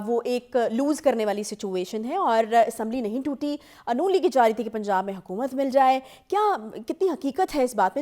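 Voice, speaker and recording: A woman from Pakistan hosts a studio talk show with a fairly high voice. She presses her guest with pointed questions and keeps up a steady stream of short acknowledgements. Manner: probing, interjects often with short acknowledgements.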